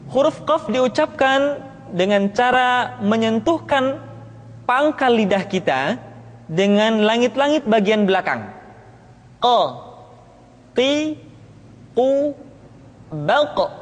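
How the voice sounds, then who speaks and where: High-voiced man teaching slow pronunciation drills. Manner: slow, deliberate syllable-by-syllable drilling. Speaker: Quran recitation teacher. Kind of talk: pronunciation lesson. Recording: long reverb.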